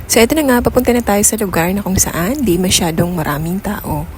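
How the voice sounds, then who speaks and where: A woman's voice: mid-range voice, expressive, fairly quick, darkish tone, a little hiss or hum. A woman with a Filipino accent narrating a casual vlog in a chatty, playful, self-teasing way. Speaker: vlogger.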